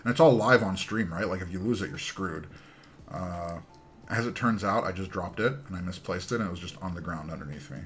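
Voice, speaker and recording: Streaming a keyboard build, a man in his thirties chats casually, his rambling stories trailing off and starting again. His low voice is a bit bright and fairly quick, with slight background noise.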